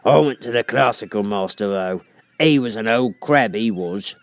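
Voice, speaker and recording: Man doing a gravelly, bossy gryphon. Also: fairly low pitch, normal speed, no room sound, close to an everyday voice. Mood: brusque. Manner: blunt, impatient, bossy. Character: gruff, brusque, scolding male gryphon beast. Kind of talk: storybook character voice.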